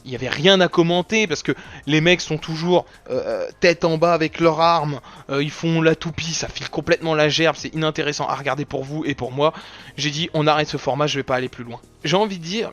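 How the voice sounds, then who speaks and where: A man's voice: a little high, a bit bright. A young man in a casual, joking channel recap, full of slang. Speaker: YouTube gaming creator. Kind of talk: casual anniversary recap video.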